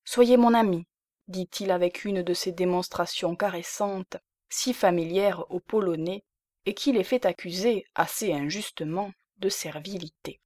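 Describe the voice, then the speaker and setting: A woman narrating a classic novel in a measured, quiet manner. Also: on the low side, steady tone, dry recording. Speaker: audiobook narrator.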